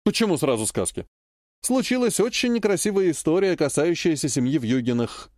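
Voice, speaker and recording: A man's voice: a little high, very animated, brisk, a little mellow, dry recording, clean studio sound. A man reading a pushy, slightly drunk scheming man in an audiobook, insistent and mock-innocent. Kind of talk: audiobook character voice.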